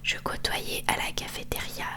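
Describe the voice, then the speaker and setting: A woman doing a whispered ASMR book reading in a soft, hushed library whisper, close to the microphone, sometimes correcting herself. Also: normal speed. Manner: hushed storytelling with self-corrections. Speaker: ASMR host reading a novel aloud.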